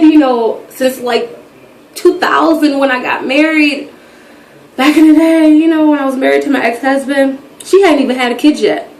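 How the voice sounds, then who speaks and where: A woman's voice: fairly high pitch, recorded from a distance. Chatty woman vlogger in an echoey room. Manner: chatty, rambling, animated storytelling. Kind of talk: casual chat. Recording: echoey room, voice from off mic, faint background noise.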